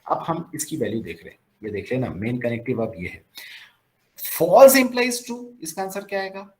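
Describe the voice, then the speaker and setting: A man's voice: fairly high pitch, normal speed, slight background noise, rough recording. A man teaching logic in a classroom-style lecture, asking questions and answering them himself. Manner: lively, asks questions and answers them himself, mixes in English phrases. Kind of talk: classroom lecture on a recorded screen.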